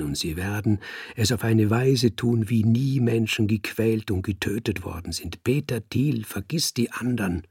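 A man voicing a brooding tomcat who believes he is the devil, speaking low, grim and solemn. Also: creaky, breathy edge, no room sound, clean studio sound, exaggerated voice.

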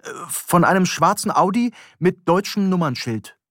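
A man's voice: sits high, expressive, moderate pace, fairly bright tone, no room sound, studio quality, voice pushed up. A man reading an audiobook, voicing an impatient woman who talks curtly and bitingly. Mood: sharp. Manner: curt, biting. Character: sharp, impatient woman, quick to scold.

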